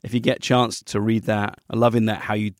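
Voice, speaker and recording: A podcast host, a man with a lowish, fairly monotone voice, talks fast in a casual interview and keeps cracking self-deprecating jokes. The recording is dry and studio quality.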